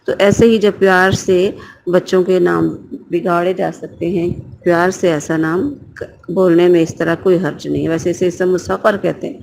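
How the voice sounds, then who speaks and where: A woman's voice: lowish voice, fairly even intonation, vocal fry, darkish tone, a little hiss or hum, low-quality recording. A woman giving a word-by-word translation and tafsir lesson, reading each Arabic phrase and then glossing it. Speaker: Quran teacher.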